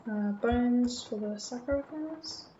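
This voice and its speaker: A fairly high, mellow voice belongs to a woman from the UK, partly raised in Australia, who streams games and chats casually with viewers. She talks a little slowly and rambles in a nervous, self-conscious manner. The sound is reverberant with the highs cut off and a little hiss or hum.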